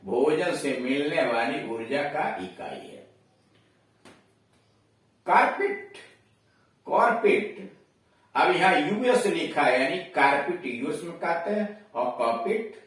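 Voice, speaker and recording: A man with a Hindi accent, teaching English pronunciation slowly in a classroom lesson, repeating each word as he explains it. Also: a little high, a bit bright. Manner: slow, explanatory, repeats words for drilling. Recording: echoey room, voice far from mic.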